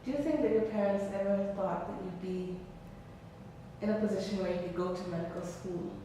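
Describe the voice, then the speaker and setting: A woman interviewer asking calm, measured questions. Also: mid-range voice. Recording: echoey room from far off, faint noise.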